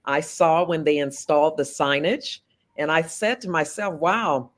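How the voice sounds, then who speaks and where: A deep-voiced woman in her fifties from South Florida, USA, is a political candidate answering interview questions. She is earnest and deliberate, leaving measured pauses.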